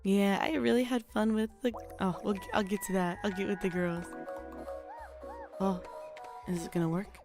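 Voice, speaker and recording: A woman's voice: mid-range voice, steady tone, moderate pace, long pauses, over music. A young woman streaming a casual chat, rambling and chatty with lots of fillers. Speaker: VTuber streamer.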